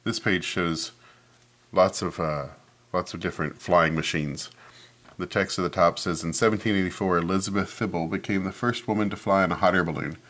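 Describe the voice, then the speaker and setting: He reads fairly quickly, his voice sitting low, as he performs a children's picture book in an expressive storytelling manner. Along the way he adds comments about the pages.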